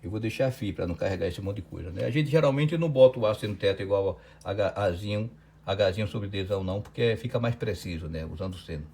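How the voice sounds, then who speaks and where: A man with a Brazilian Portuguese accent teaches physics in an online lecture, talking fast in a low-ish, gravelly, mellow voice. He works through a problem step by step, checking often with "certo?".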